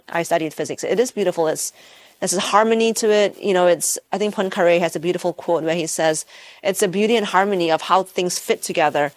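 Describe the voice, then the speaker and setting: Answering interview questions, a woman who is a physics professor from Malaysia pauses to think, restarts sentences, and leans on fillers. Her voice is lowish and the audio has no echo.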